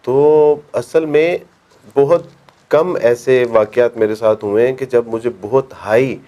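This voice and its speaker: A middle-aged man speaks as an interview guest at an ordinary pitch. He talks in a measured way, with devout turns of phrase. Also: mellow. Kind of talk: interview conversation.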